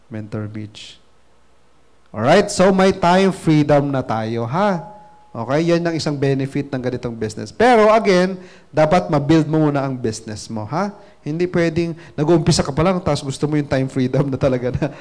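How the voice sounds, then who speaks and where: A man's voice: a little high, a little mellow. A man, a business mentor giving a motivational seminar in chatty Taglish, often checking in with the audience. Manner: chatty Taglish, constant tag questions to the audience.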